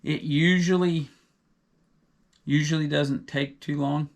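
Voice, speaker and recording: Gravelly man telling rambling stories. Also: fairly high pitch, steady tone, slow. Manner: rambling, digressive storyteller. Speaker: podcast co-host. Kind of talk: casual chat.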